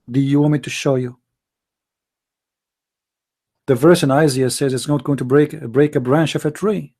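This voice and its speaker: A man's voice: a little high, warm tone. A man hosting a call-in religious debate show, firing off combative rhetorical questions in non-native English. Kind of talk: live-stream religious debate talk.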